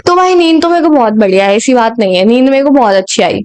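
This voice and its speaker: A woman's voice: fairly high pitch, animated, fast, music in the background. A young woman from India telling a personal story in a chatty, dramatic way, slipping into English now and then and often laughing at herself. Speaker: storyteller vlogger. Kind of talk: casual storytime vlog.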